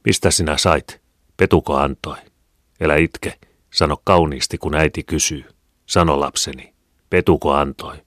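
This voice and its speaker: A man reading an audiobook voices a poor, harried peasant mother who scolds loudly. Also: very deep voice, fairly even intonation, dry recording, studio quality. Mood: scolding. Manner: scolding, raised voice.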